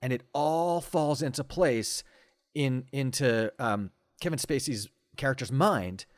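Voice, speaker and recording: A man's voice: mid-range voice, a little slow, no room sound, clean studio sound. A man in his forties, a podcast guest, talking with enthusiasm and many stammering restarts in casual conversation.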